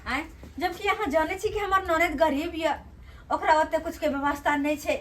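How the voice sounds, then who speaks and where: A woman's voice: very high-pitched, normal speed, a bit bright. A woman with a Maithili accent playing an outspoken village sister-in-law, blunt and preachy and laughing as she talks, in a comedy skit. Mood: indignant.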